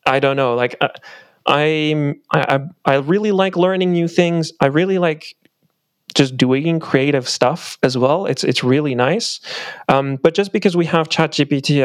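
A man's voice: on the high side, no room sound, studio quality. A male podcast host in casual conversation, thinking aloud in a reflective way.

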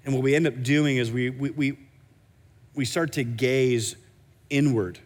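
A man delivers a sermon from the pulpit at a middling pitch. He preaches in an animated way, often restarting and repeating words mid-phrase. A long hall reverb trails behind every line. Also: measured pace. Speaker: pastor.

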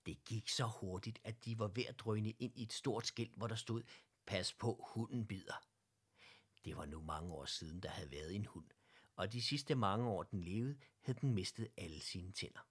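A man with a Danish accent narrating a children's storybook in a gentle, even way. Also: fairly low pitch, husky.

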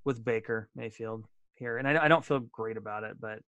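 A man's voice: medium pitch, moderate pace, a crowd in the background. A man co-hosting a casual sports podcast, chatty and self-deprecating, often restarting his sentences. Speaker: podcast co-host.

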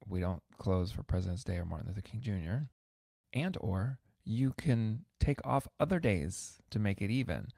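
A man's voice: lowish voice, animated, moderate pace, creaky, dark tone, no echo, clean studio sound. A man who teaches piano, hosting an instructional podcast in a conversational, emphatic way that repeats words for stress.

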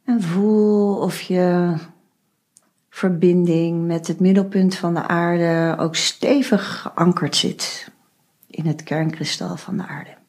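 A woman guiding a meditation, giving slow, soft instructions with long pauses. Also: fairly low pitch, steady tone. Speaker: meditation guide. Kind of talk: guided meditation.

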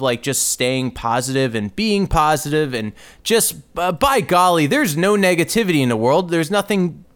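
A man talks alone into his podcast mic with a smooth, resonant voice. He rambles from one gripe to the next with a sarcastic edge, at a middle pitch. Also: a bit bright. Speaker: podcast host.

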